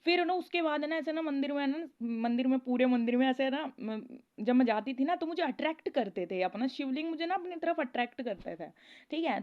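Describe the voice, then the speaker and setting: A woman talking casually in a spiritual advice vlog, rambling and chatty, often laughing as she tells stories. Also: high-pitched. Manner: rambling, chatty, keeps asking "okay?". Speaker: spiritual content creator. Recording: dull lo-fi recording.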